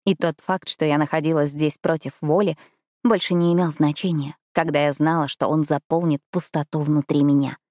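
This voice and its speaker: A woman reading a first-person romance audiobook in a measured, intimate way. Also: deep voice, steady tone, a little mellow, no echo, studio quality. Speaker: audiobook narrator.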